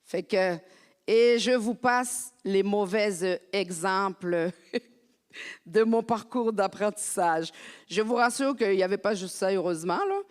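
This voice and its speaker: Woman pastor, from France, lively conversational sermon, mid-pitched voice, long hall reverb. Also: takes it slowly. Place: church sanctuary.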